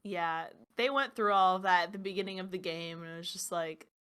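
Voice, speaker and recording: Female co-host, bright sharp tone, giggly, expressive, casual. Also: fairly low pitch, fairly quick, clean tone. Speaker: podcast co-host. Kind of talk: casual chat.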